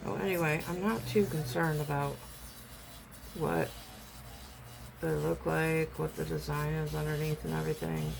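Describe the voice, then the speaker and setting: A woman with a rough, raspy smoker's voice gives a casual, rambling, self-deprecating hands-on tutorial as an amateur host. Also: deep voice, lively intonation, moderate pace, pauses often, a little hiss or hum, poor audio. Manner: rambling, self-deprecating, loses train of thought.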